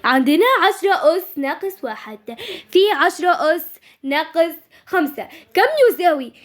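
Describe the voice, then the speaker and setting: A woman's voice: sits high, normal speed, lightly acted. A woman voicing a stern schoolteacher who scolds the class. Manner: scolding, instructive.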